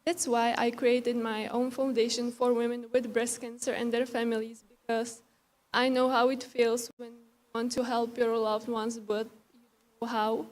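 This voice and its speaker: A woman from the Czech Republic gives a prepared pageant speech in English, her second language. She speaks in a fairly high, level voice with little rise and fall, earnest and measured. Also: little pitch movement, a little mellow. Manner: earnest, measured delivery with small grammar slips. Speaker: pageant contestant.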